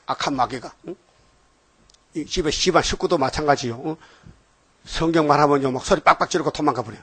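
A man's voice: a little high, brisk, fairly bright tone, breathy edge, no room sound. Older man preaching rambling sermon. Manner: rambling, questioning listeners with "예?" and "어?". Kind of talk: informal sermon.

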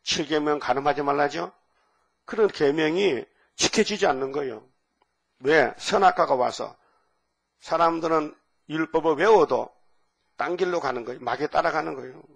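A man in his seventies preaching a sermon. He reads scripture slowly, asks the congregation rhetorical questions and sometimes bursts out loudly. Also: on the high side, creaky. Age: 70s. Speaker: pastor.

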